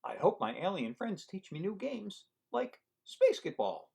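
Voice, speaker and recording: A man reading a picture book aloud as an eager young boy who dreams of outer space, in a wide-eyed, excited storybook voice. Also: sits high, normal speed, creaky, breathy edge, pitched above the performer's own voice, exaggerated voice.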